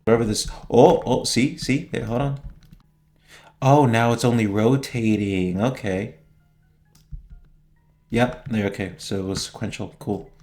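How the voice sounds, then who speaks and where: A young man giving casual, slangy gameplay commentary, joking and reacting out loud as he plays. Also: fairly low pitch. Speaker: gaming streamer.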